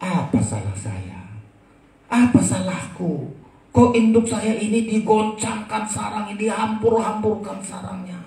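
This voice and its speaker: A bewildered baby eagle, as a preacher puts it on. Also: male voice, high-pitched, animated, unhurried, mellow, heavy reverb. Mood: pleading. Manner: pleading, bewildered questions. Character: frightened young eaglet, pleading with its mother.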